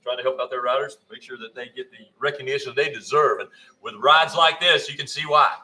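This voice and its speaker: A man's voice: medium pitch, brisk, bright, forceful tone, a little hiss or hum. A man commenting live on a motocross race, rattling off lap times and standings in a folksy way.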